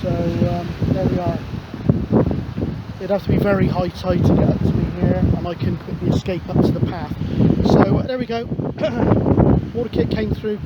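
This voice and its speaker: A man's voice sits high, with fairly even intonation and a normal speaking speed. Out on a windy seashore, he chats like a matey CB radio operator, rambling through radio talk and narration to camera. The recording is dull, with clear wind and outdoor ambience.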